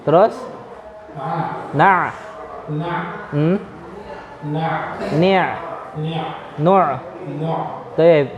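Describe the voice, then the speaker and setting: A man's voice: fairly high pitch, very slow, pauses often, noisy background. A man teaching Quran recitation to a class in a prayer room, patiently drilling letter sounds one by one. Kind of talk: tajwid class, coaching students. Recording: roomy hall, dull lo-fi sound, crowd around.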